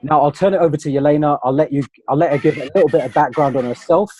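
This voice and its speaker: Relaxed man hosting a webinar. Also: fairly high pitch, racing, a little hiss or hum. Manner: relaxed, conversational, talks straight to viewers. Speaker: webinar host. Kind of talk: casual webinar presentation.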